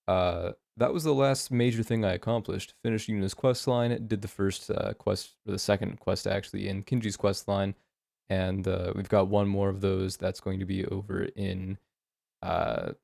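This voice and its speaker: A man's voice: low voice, creaky, darkish tone, dry recording, studio quality. A man with an American West Coast accent giving casual, unscripted gameplay commentary, thinking aloud in a hesitant, rambling way. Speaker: gaming host doing a playthrough.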